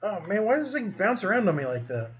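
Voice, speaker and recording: A man's voice: high voice, sing-song, fast, dull audio. A man hosting a casual live stream, reading and answering viewer comments in a rambling, easygoing way. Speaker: host.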